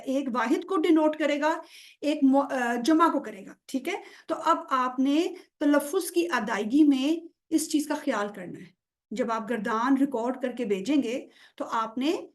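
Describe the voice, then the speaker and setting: A woman teaching Quranic grammar in an online lesson, patiently checking understanding and stretching out example words. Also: high voice. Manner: drawls example words slowly to show pronunciation.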